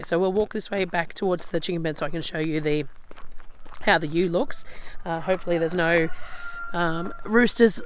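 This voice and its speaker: Roosters, clucking hens, and guinea fowl make loud outdoor noise as an Australian vlogger with a fairly low, gravelly, slightly raspy voice gives a casual walk-and-talk tour by the chicken pens of her rural homestead.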